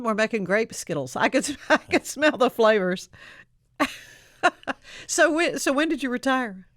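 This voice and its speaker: A woman's voice: medium pitch, a bit bright, clear, resonant tone, dry recording. Woman hosting a chat, dry close sound. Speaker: interview host. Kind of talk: casual interview chat.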